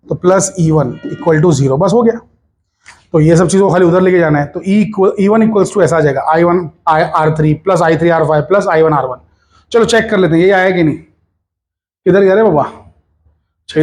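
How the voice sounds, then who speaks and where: A man's voice: a little high, a little mellow. A man teaching a recorded physics lesson in a chatty, coaxing way, switching between Hindi, English and Marathi asides.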